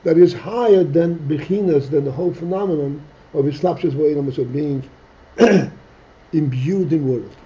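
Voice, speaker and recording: Dark-voiced man teaching a text class. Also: a little high, normal speed, highs cut off. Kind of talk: text study lesson.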